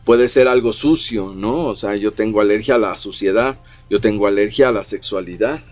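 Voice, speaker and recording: In a relaxed psychology segment on the radio, a middle-aged male co-host gives long explanations, leaning often on fillers such as "o sea" and "¿no?". His voice is fairly low and darkish, at a moderate pace, and faint music plays in the background.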